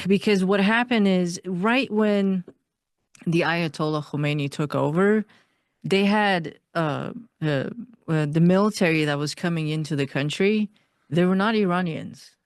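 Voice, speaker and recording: A woman from Iran, a guest on an interview podcast, telling her life story in an earnest, steady way. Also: on the low side, unhurried, dry recording, clean studio sound.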